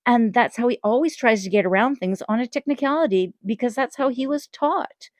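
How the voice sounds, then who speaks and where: A woman's voice: on the high side, a little fast, a little mellow, dry recording. A woman hosting a channel, giving critical commentary in a blunt, indignant way. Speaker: channel host.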